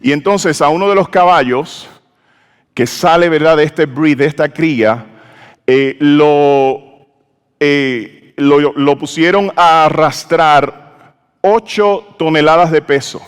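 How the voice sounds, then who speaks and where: A man's voice: fairly high pitch, slow pace, clear, resonant tone. A man preaching a sermon in a church, leading the congregation in call-and-response and asking them questions. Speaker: pastor. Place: church sanctuary. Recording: church hall with long reverb.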